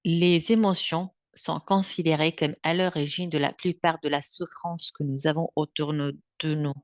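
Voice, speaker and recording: A Belgian French woman in her seventies, a bioenergetic therapist, gives a webinar lecture in a low, deep, steady voice. She is unhurried and thoughtful, often pausing and hesitating as she searches for words. A computer mic on a video call picks her up, with dry, close sound and no echo.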